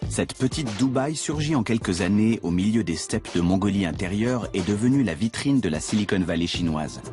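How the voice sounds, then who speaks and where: A man narrating a documentary in a measured, dramatic scripted voice-over. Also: fairly low pitch, lively intonation, darkish tone. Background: music.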